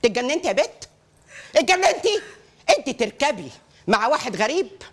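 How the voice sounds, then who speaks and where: An actress playing a sharp-tongued, middle-aged Egyptian mother who scolds and threatens her daughter, with an Egyptian accent. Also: high voice, big pitch swings, normal speed. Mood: scolding. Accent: Egyptian Arabic. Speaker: mother-in-law.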